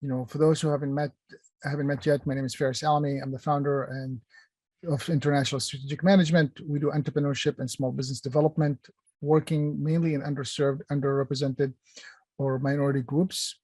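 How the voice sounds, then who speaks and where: A man's voice: a little high, level tone, fast, mellow, dry recording. A middle-aged man from Palestine, raised in Kuwait, presents an online workshop in a conversational manner, with many fillers and restarts while he addresses the chat. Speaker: workshop presenter, company founder.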